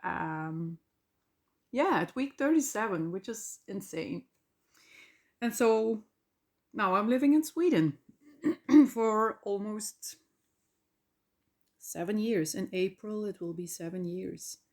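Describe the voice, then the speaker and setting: A woman's voice: medium pitch, slow, pauses often, darkish tone. A woman in her forties from the Flemish part of Belgium, speaking English with a Flemish Dutch accent as a podcast host, rambling and correcting herself with fillers. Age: 40s. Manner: rambling, self-correcting, with fillers and small laughs. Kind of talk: casual solo podcast monologue.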